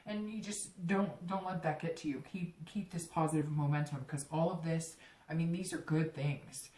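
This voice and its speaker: A woman's voice: deep voice, fairly even intonation, normal speed, dark tone, echoey room, distant mic, rough recording. A woman giving a chatty, rambling tarot reading, full of fillers and restarts. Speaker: tarot reader.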